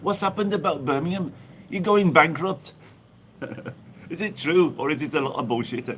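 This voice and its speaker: An upbeat English man live-streams outside on a phone held in front of him, a church in view behind, reading viewer comments aloud. His voice is fairly high and animated at normal speed, with slight background noise.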